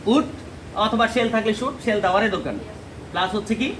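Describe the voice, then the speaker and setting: A man's voice: high-pitched, a little fast, background noise. A man teaching an English grammar lesson, explaining step by step with repeated examples and check questions. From Bangladesh.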